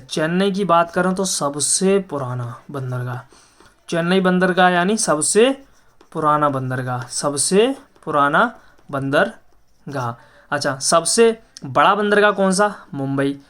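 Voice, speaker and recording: A man's voice: a little high, fairly bright tone. A man teaching an exam-prep geography lesson, who asks each question and answers it himself, repeating facts with frequent hesitations.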